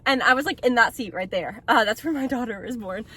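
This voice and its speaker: A woman's voice: a little high, a little fast, fairly bright tone, breathy edge. A young woman casually recounting her own story, chatty and full of "like", often breaking into laughter. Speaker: vlogger sharing her birth story.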